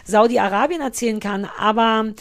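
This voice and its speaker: A woman co-hosting a podcast, chatting casually about a TV series in an animated way, often restarting her sentences. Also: on the high side. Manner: animated, quick, restarts and self-corrections. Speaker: podcast co-host. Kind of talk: casual chat reviewing a TV series.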